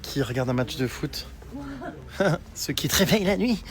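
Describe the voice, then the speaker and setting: A man's voice: on the high side, lively intonation, normal speed. Chatty, teasing French man vlogging. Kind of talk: travel vlog narration.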